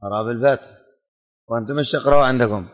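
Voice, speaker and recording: A man's voice: mid-range voice, very fast. A man teaching a religion class in a classroom, quizzing students by name and repeating his questions. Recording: hall reverb.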